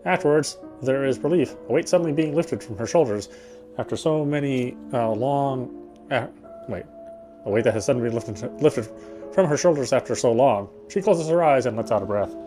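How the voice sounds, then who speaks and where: Over game music, a man with a medium-pitched voice reads a visual novel's narration aloud expressively at a moderate pace. Now and then he stumbles and goes back over a phrase.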